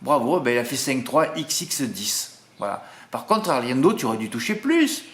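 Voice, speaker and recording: A man's voice: medium pitch, very animated, normal speed, fairly bright tone. A man with a Marseille accent, talking casually as a horse racing tipster, chatty and self-mocking, tagging his sentences with little asides. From southern France. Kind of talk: casual monologue. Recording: echoey room.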